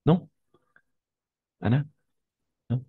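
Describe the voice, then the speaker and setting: A man's voice: extremely slow, no room sound, phone-quality sound. A man teaching French in an online lesson, patiently repeating words and correcting pronunciation.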